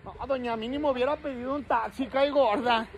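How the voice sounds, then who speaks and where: Very high-voiced Mexican man teasing passersby. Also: steady tone, brisk, a little hiss or hum. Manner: teasing, joking, shouting to passersby. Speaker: street prankster host. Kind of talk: street vlog banter. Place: city street at night, outdoors. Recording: busy street with crowd chatter. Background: crowd chatter.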